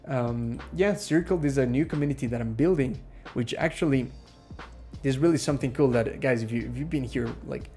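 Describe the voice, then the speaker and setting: A man from Ecuador hosts a relaxed live stream Q&A, chatting easily with viewers and filling pauses with ums and uhs. His voice sits at an everyday middle pitch. Soft music plays faintly behind him. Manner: chatty, reads out viewer questions, many fillers. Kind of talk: casual live Q&A.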